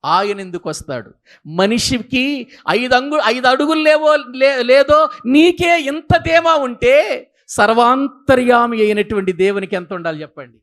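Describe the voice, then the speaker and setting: Male preacher, bright forceful tone, emphatic sermon delivery that keeps questioning the congregation. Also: very high voice, measured pace. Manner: emphatic, fires rhetorical questions at listeners.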